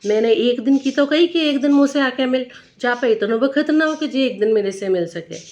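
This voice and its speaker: A woman's voice: high-pitched, normal speed, a little mellow, close to an everyday voice. A woman voicing an angry, stubborn old male devotee who speaks with a Braj accent. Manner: grumbling, scolding.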